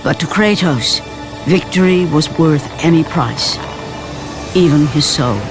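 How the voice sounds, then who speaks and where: A male narrator tells a video game's story in a grave, measured style. His voice sits slightly higher than most men's. A loud orchestral score runs under every line. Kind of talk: dramatic scripted narration. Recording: loud music score behind.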